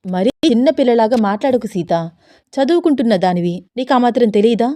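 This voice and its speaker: A woman's voice: a little high, lively intonation, fairly quick, warm tone, no room sound, studio quality, natural voice. A woman voicing a teasing, eager young husband who scolds playfully.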